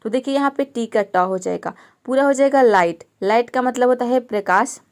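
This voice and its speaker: A woman's voice: on the high side, normal speed, a little mellow. A woman teaching an English pronunciation lesson step by step, patiently explaining each letter and asking rhetorical questions to her students.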